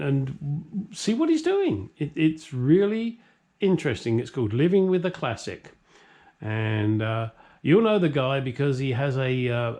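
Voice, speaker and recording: The host of a classic car workshop vlog, a middle-aged British man, speaks in a medium-pitched, slightly mellow voice. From his home workshop he rambles casually to camera, being blunt, jokey and self-deprecating.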